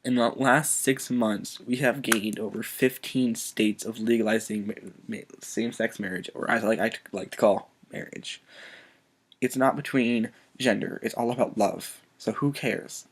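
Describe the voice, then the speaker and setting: Fighting back tears, a soft-spoken man vlogger halts through an earnest, emotional personal video message in a fairly low voice.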